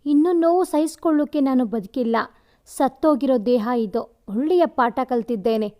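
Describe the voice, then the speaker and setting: High-voiced young woman, cold and cutting, hurt and angry underneath, narrator reading her. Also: normal speed, warm tone, lightly acted. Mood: scornful. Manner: scornful, cutting. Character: bitter heartbroken young woman, cold and scornful.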